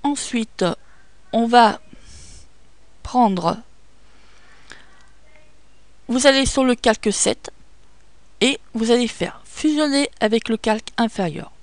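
Woman, French accent, patient software tutorial, gravelly, dry close sound. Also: a little high, takes it slowly, long pauses, no echo. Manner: patient, hesitant, many fillers. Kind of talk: screen-recorded photo editing tutorial.

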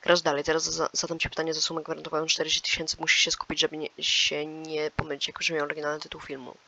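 A fairly high, gravelly male voice with a sharp, bright edge. He reads quiz questions aloud in a casual commentary, then muses over his answers. The sound comes through a dull, lo-fi mic. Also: monotone, quick pace. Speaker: gaming channel host.

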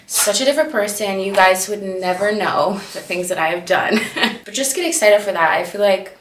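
A young woman in her twenties, a native Dutch speaker, chats candidly in a casual diary vlog, dropping lots of "like" fillers as she moves through her apartment's living room and kitchen. Her mid-range voice is fairly bright at normal speed. A tripod camera a few feet away gives roomy echo.

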